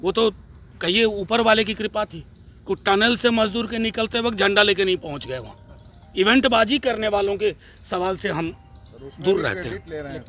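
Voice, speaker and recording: A sharp-edged, high-pitched man fields reporters' questions as a party spokesperson. His delivery is combative and laced with sarcasm, and each rebuttal comes out pointed and biting. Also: animated, normal speed, soft background music. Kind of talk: press statement to reporters.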